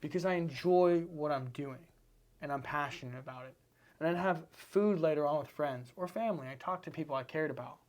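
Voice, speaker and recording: A man's voice: on the high side, brisk. A man from Seattle, a podcast guest, talking earnestly in a casual interview with repetitive, emphatic phrasing. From Seattle, United States.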